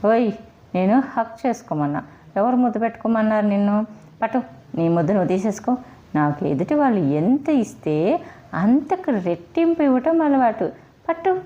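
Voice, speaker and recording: This is a teasing young husband who puts on a stern front, voiced by a woman. The voice is mellow and fairly low. The storybook audio is dull and lo-fi. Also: animated, normal speed, lightly acted. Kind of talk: storybook reading. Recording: dull lo-fi recording.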